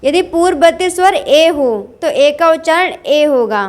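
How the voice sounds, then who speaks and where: An English teacher with a very high-pitched voice gives a slow, classroom-style pronunciation lesson at a measured pace. She reads the rules aloud and drills lists of words.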